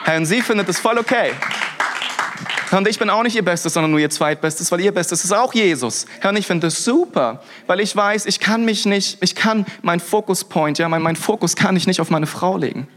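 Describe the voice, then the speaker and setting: A young man's high voice carries his sermon at a moderate pace as he preaches in the role of pastor. He sounds energetic and casual, lively and colloquial, often restarting and dropping in "hey" and other interjections.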